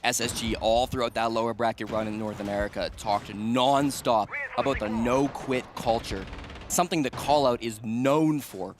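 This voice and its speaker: A man's voice: mid-range voice, moderate pace, background noise. A man giving live esports commentary and analysis, emphatic and repeating key phrases for weight. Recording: music bed behind the voice. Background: music.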